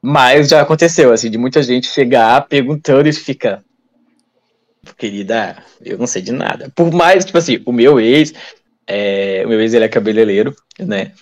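A man, a guest telling stories in a casual, animated interview. He acts out the dialogue he retells and restarts his sentences often. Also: mid-range voice, normal speed. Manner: many fillers and restarts.

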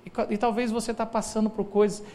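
A man's voice: high voice, level tone, fast talker, warm tone. A man preaching a sermon as pastor, telling humorous stories in a loose, conversational way and acting out the people he quotes. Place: church hall.

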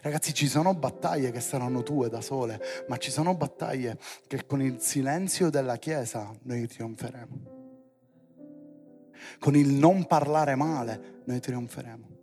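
A male preacher giving a lively sermon to young people, theatrical and building to loud exclamations. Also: mid-range voice, measured pace, faint music behind.

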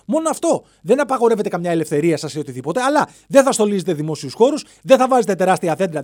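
A man's voice: high voice, darkish tone, no room sound. A man hosting a solo comedic podcast, rambling playfully from one bit to the next and slipping into silly voices, alone in a studio. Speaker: podcast host.

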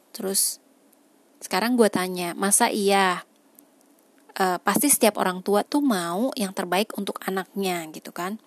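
A woman's voice: mid-range voice, no room sound. A woman, talking casually to her viewers, reasoning aloud and dropping frequent filler tags. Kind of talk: casual monologue on life choices.

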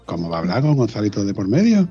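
A man's voice: fairly low pitch, wildly swooping pitch, quick pace, mellow, slightly rough, muffled recording, faint music behind. A man with an Andalusian accent co-hosting a podcast in casual, teasing banter. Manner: joking, teasing banter with laughter. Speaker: podcast co-host. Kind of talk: casual chat.

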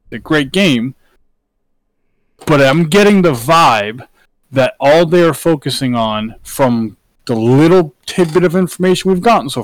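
A man's voice: mid-range voice, dry recording, rough recording. A man hosting a casual gaming podcast, talking in an opinionated, emphatic way. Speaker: podcast host.

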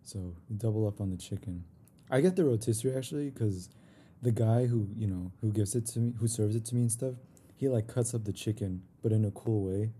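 A man's voice: on the low side, brisk, dark tone, a little hiss or hum. A young man hosting a podcast in casual chat, laid-back and rambling, often saying "you know". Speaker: podcast host.

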